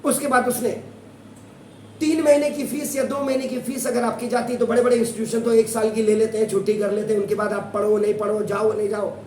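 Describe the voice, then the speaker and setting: A man's voice: high voice, flat delivery, brisk, a little mellow. A male maths teacher from India gives a preachy, sarcastic classroom lecture, mixing English and Hindi. He is picked up from across an echoey room with a faint hum of ambience behind him. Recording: echoey room, mic far off.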